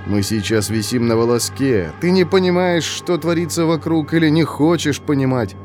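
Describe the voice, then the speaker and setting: A man's voice: a little high, lively intonation, moderate pace, a little mellow, faint music behind, lightly acted. A man voicing a nervous young male newcomer in prison who talks in a tense, defensive way.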